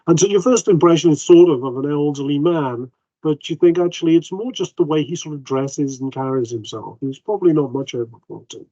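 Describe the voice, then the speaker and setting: A man acting as game master narrates in a slightly high, brisk, mellow voice, chatty and full of "um" hesitations, voicing the vicar in quotes. It's captured on a dull, dry home mic.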